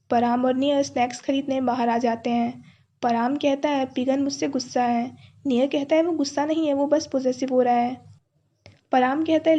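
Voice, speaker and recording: High-voiced woman narrating a drama recap. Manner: steady storytelling, reads all dialogue in the same voice. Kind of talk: scripted story narration. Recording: dull lo-fi sound.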